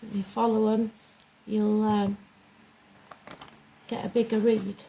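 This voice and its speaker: Slow and mellow, a woman's mid-range voice delivers a flat, plain-spoken, rambling horoscope reading. She hosts a weekly zodiac series as a tarot and astrology reader, and the poor audio includes a clearly whirring fan behind her.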